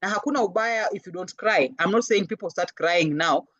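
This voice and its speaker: A woman with a Kenyan accent giving a lively counseling talk, acting out little voices when she quotes people. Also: lowish voice, a little fast, no room sound, muffled recording. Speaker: guest speaker, counselor. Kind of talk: lecture-style talk.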